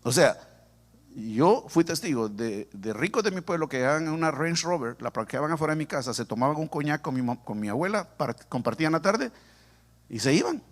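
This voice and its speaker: With a fairly high voice and a slightly fast pace, a Salvadoran-accented pastor from El Salvador shares personal testimony in his sermon. He's funny and lively, speaking directly to the congregation in the sanctuary.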